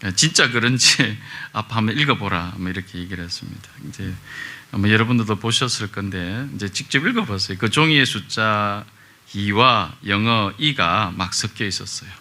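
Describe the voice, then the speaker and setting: A middle-aged male pastor gives a sermon in a church, talking in a loose, anecdotal way. His voice sits a little low but rings bright and forceful. He often pauses and hesitates with small fillers. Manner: conversational storytelling with many pauses and fillers. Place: church sanctuary.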